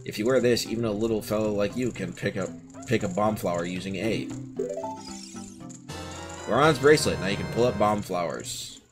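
A big, boastful chieftain of a rock-creature race, read out by a man in his own easygoing voice who lays out his terms plainly. The voice sits low, and game music plays clearly underneath. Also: normal speed, long pauses, natural voice. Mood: gruff bargaining. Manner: reading in-game text aloud in plain voice. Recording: game music playing behind.

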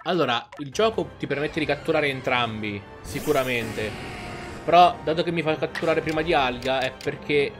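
A man's voice: on the high side, moderate pace. A man hosting a gaming video with casual commentary as he plays. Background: game music.

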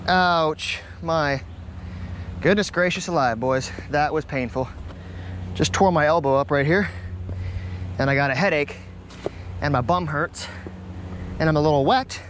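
Young guy fishing vlog, kinda high voice, keeps going oh my word, outdoor action cam with a bit of background noise. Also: measured pace, long pauses. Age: young adult. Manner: animated, exclaims often. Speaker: fishing vlogger. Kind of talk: excited outdoor vlog commentary. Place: outdoors by a river and creek. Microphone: action camera on the body and at arm's length.

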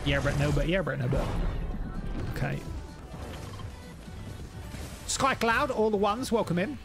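A man's voice: high voice, big pitch swings, measured pace, creaky, music in the background. A man livestreaming a game, chatting casually with viewers, joking and swearing. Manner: jokey, greets chatters by name, swears. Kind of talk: casual gaming stream chat.

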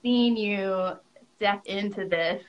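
A woman's voice: medium pitch, slow pace, highs cut off. A woman hosting an interview over a video call, talking enthusiastically and laughing often. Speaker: workshop host, interviewer. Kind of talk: casual interview talk.

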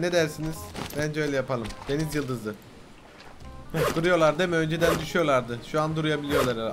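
Young guy yelling and swearing through a survival game, high voice, faint music behind. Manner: loud, swears often, bursts into yelps and shouts. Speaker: gaming video host. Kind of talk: excitable gameplay commentary.

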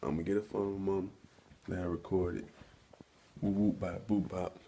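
Low-voiced young male vlogger. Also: little pitch movement, moderate pace, warm tone. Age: young adult. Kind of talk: casual vlog intro.

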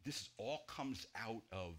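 Emphatic pastor preaching from the pulpit. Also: male voice, lively intonation, takes it slowly, breathy edge. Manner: emphatic, gesturing widely, swings between loud stresses and quiet low drops. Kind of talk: expository sermon. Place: church sanctuary at a pulpit.

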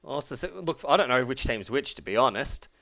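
A man's voice: mid-range voice, lively intonation, brisk, pushed and bright, lo-fi sound. A man co-commentating a game, thoughtful and analytical, hedging his reads. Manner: thoughtful, analytical, hedges with "I reckon". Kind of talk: casual co-commentary.

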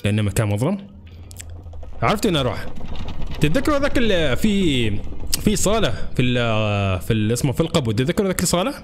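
A young man commentating his horror game play to viewers, excitable and chatty. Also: medium pitch, racing, soft background music. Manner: excitable, talks to viewers as brothers. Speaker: gaming channel host.

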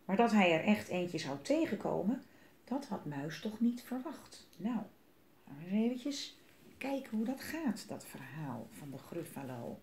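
A woman's voice: medium pitch, sing-song, measured pace, darkish tone, a little hiss or hum. A woman reading a picture book aloud to children, chatting about the pictures between passages. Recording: roomy echo.

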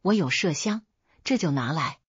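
A woman's voice: deep voice, animated, moderate pace, breathy edge, no echo, highs cut off, exaggerated voice. A woman voicing a kind-hearted young village man who stammers and turns shy with his sister-in-law, in a storybook reading. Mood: hesitant.

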